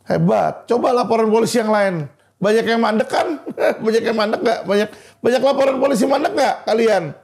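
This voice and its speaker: Male lawyer, fiery commentary, high gravelly voice, edge. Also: darkish tone. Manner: heated, repeatedly addressing "Pak" directly. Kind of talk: impassioned legal commentary video.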